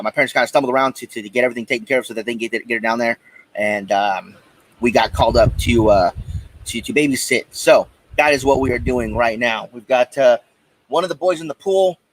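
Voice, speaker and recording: An American man hosts a casual live stream from outdoors, speaking straight to his viewers. His voice sits at an average male pitch, with no echo around it. He talks informally and loosely, rambling and hesitating as he goes. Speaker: podcast host. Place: outdoors in a backyard.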